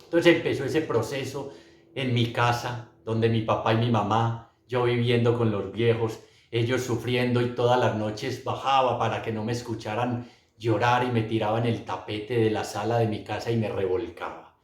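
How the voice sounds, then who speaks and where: Earnest preacher in an echoey room. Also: male voice, mid-range voice, steady tone, normal speed. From Colombia. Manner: earnest, emotional, addresses listeners directly. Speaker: preacher giving his testimony. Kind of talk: religious testimony. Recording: roomy echo.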